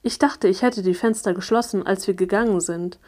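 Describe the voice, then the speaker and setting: A flustered middle-aged aunt, read out by a woman, speaks in a low murmur and trips over her own words. Her voice is mellow and dark, never loud. She sounds like she is hiding something from the children. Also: moderate pace, lightly acted. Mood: uneasy.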